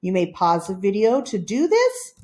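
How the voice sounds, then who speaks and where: A woman teacher giving slow, patient, step-by-step instructions for a writing lesson, reading words out one at a time. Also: medium pitch, huge pitch swings, a little mellow.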